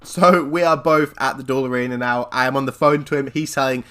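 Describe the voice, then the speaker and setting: A man recounts a gaming mishap for his vlog, with a bright, forward tone that cuts through. He rambles excitedly, doubling back and repeating phrases as he goes. The sound is a plain close-mic desk recording. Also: medium pitch, brisk, clear, resonant tone. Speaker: gaming channel host. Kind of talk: story time vlog narration.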